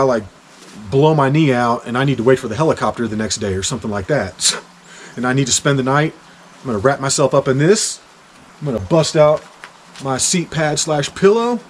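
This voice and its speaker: A hiking vlogger in his forties from Kansas talks through hiking gear in a mid-range voice, sitting out on a back deck in winter. The tone is chatty and joking with bursts of excitement, and a little hiss or hum runs through the clip.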